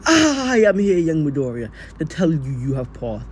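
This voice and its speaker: A big-hearted grown superhero, loud and proud, his lines booming out with hearty confidence, as a man acts him out in a fan story. Faint noise hums under the voice. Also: very animated, normal speed.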